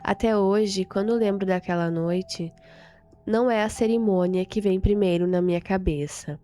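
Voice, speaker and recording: A woman narrating a first-person horror story in a slow, suspenseful way. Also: medium pitch, dark tone.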